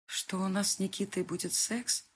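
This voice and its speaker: A woman reading an audiobook, voicing a distraught young heroine in a husky, pleading voice. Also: mid-range voice, fairly even intonation, normal speed. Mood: tearful. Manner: pleading, tearful.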